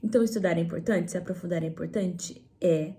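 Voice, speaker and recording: A woman's voice: lowish voice, quick pace, warm tone. A Brazilian woman speech therapist giving an educational talk to parents, in a didactic style that often checks in with "né?" and "tá?". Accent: Brazilian Portuguese. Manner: didactic, frequent "né?" and "tá?" tag questions.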